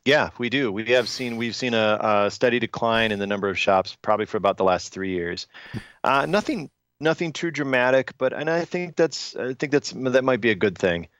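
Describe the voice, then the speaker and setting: A man talking as a guest in a podcast interview, measured and explanatory, with frequent fillers and restarts. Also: medium pitch, lively intonation, a bit bright, no echo. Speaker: industry guest.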